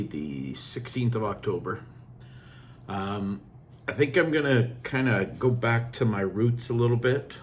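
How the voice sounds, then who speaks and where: A man's voice: on the low side, a little hiss or hum. Norwegian-accented man in his sixties reminiscing. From Norway. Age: 60s. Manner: rambling, warm storytelling with fillers and switches into Norwegian. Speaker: vlogger. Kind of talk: casual reminiscing monologue.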